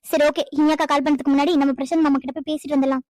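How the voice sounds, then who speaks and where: Woman as a bright eager little girl, high, quick, dry sound. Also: level tone, no room sound, natural voice. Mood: cheerful.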